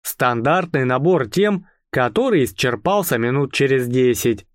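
A man narrating a first-person audiobook in a calm, even, wry storytelling manner. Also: medium pitch, measured pace, no echo, clean studio sound.

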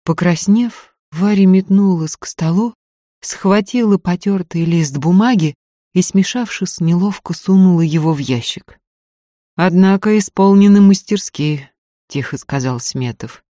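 An audiobook narrator reading literary prose in a measured, scripted way. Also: mid-range voice, warm tone, dry recording, clean studio sound.

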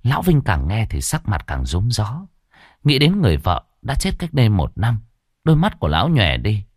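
Low-voiced expressive male storyteller. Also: normal speed, no echo, studio quality. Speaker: audiobook narrator. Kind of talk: scripted narration of a fantasy story.

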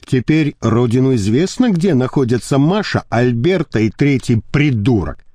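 A man reading an audiobook, voicing a furious, hulking thug who shouts insults. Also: medium pitch, expressive, normal speed, dry recording, studio quality, lightly acted. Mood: roaring. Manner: roaring, abusive.

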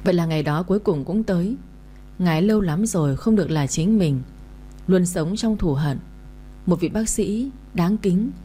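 A woman's voice: fairly low pitch, warm tone, slight background noise, close to an everyday voice. A woman voicing a shrewd female confidante who speaks in a knowing, wry way.

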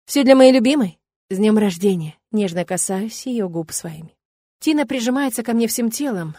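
A woman narrating a romance audiobook in the first person, in an even, measured storytelling manner. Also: mid-range voice, no echo, clean studio sound.

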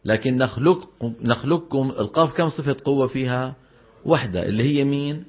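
Male recitation teacher, mid pitch, quizzing tone, muffled lecture audio. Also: fairly quick, husky. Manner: explanatory, quizzing students with rhetorical questions. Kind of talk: tajweed lesson with recited examples.

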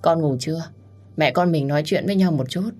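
A woman's voice: low voice, a little fast, darkish tone, soft background music. A woman voicing a worried middle-aged mother who scolds sharply out of fear in a storybook reading. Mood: gentle.

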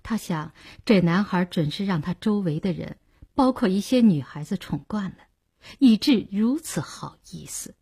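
A woman reads a novel aloud in a measured, expressive storytelling manner. Her voice is slightly husky, and her intonation rises and falls in a lively way. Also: mid-range voice. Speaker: narrator. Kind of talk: audiobook narration.

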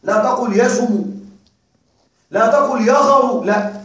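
A male teacher giving a classroom grammar lecture, repeating and drilling examples slowly and quizzing his students. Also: very high-pitched, fairly bright tone, a little hiss or hum. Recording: very echoey room, mic far off.

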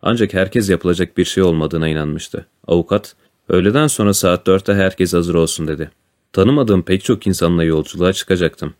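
Deep-voiced male storyteller. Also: normal speed, a little mellow. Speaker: audiobook narrator. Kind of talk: storybook narration with voiced dialogue.

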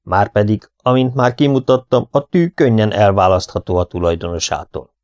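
A man's voice: lowish voice, darkish tone, dull audio, natural voice. A man voicing a precise, lecturing old detective. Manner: measured, lecturing, methodical explanations. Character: fussy, precise older male Belgian detective.

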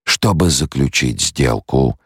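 A man voicing a cunning male shapeshifter who bargains slowly and menacingly in an audiobook. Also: a bass voice, animated, fairly bright tone, breathy edge, no echo, clean studio sound, heavily acted. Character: cunning male face dancer, scheming menace.

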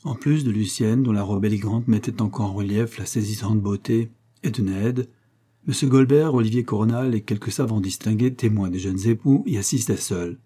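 A man narrating an adventure novel in a measured, even reading. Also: fairly low pitch, breathy edge. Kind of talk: audiobook narration.

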